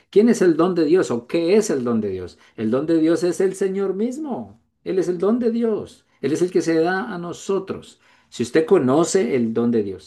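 Man preaching to his congregation, warm mellow voice, earnest, goes high then soft. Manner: earnest, rises high on quoted prayers, drops soft on tender lines. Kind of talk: sermon.

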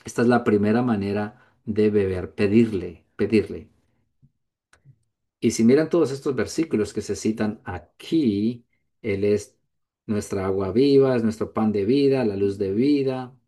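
Male preacher, mellow tone, earnest sermon delivery, swings between high prayerful calls and hushed lines. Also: unhurried. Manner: earnest, rises high on quoted prayers, drops soft on tender lines.

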